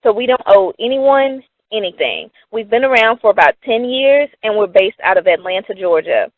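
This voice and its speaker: With a slightly high, expressive voice at a moderate pace, a young company presenter delivers an upbeat, scripted sales talk about money and answers her own questions persuasively. The dry, phone-like narrow recording has no echo.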